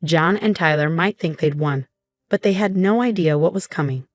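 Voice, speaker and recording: A woman reading a first-person story as scripted narration, in a steady, measured way. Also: low voice, no echo, faint music behind.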